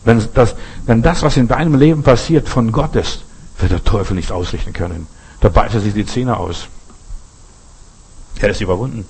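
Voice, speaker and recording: Older husky preacher man. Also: lowish voice, moderate pace, long pauses, darkish tone, poor audio. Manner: addresses listener directly with repeated "weißt du"; emphatic rhetorical repetition. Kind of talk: sermon.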